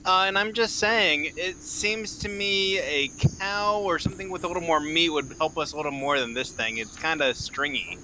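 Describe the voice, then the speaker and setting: A man's voice: fairly high pitch, normal speed, hardly any pauses, noisy background. A man playing a tabletop game, talking in a wry, questioning way. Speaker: player.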